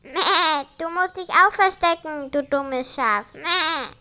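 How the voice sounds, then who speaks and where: A woman's voice: high-pitched, takes it slowly, bright, forceful tone, voice pushed up, heavily acted. A woman voicing a fretful mother sheep who bleats between her words, in a storybook reading. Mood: scolding. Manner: bleating, anxious.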